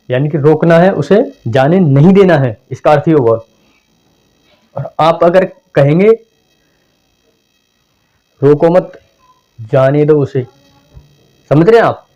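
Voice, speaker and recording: A man's voice: on the high side, dark tone. A man giving a conversational exam-prep lesson, repeating points and acting out phrasings to show meaning. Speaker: teacher. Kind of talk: explanatory lesson. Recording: dull lo-fi home recording.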